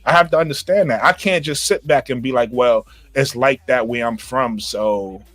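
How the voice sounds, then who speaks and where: A man's voice: medium pitch, moderate pace, a bit bright, no echo, faint music behind. Emphatic Brooklyn man, dry close sound. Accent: New York. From New York, Brooklyn. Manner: emphatic, repeats phrases, says bro. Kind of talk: casual group discussion.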